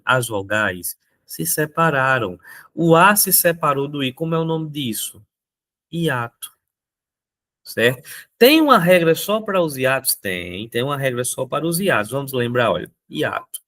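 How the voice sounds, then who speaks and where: An energetic male teacher runs an exam-prep lesson. He drills each point by repeating it and keeps checking in with his viewers. His pitch sits in an ordinary middle range.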